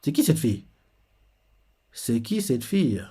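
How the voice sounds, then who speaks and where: A man's voice: medium pitch, sing-song, measured pace, warm tone, breathy edge. A man hosting a live reaction video, retelling a comic chapter loosely and wondering aloud between scenes. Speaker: manga reaction video host.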